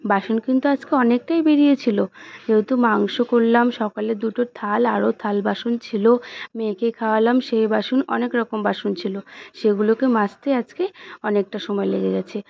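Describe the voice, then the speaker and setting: A woman's voice: fairly high pitch, steady tone, fairly quick, creaky. A young woman vlogging from her home kitchen, chatting casually to viewers as she narrates her cooking and chores step by step. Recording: dull lo-fi home recording.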